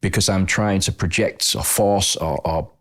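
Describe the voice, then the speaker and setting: Man, very low voice, thoughtful, hesitant, casual podcast chat. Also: normal speed, a bit bright. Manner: thoughtful, hesitant, many restarts.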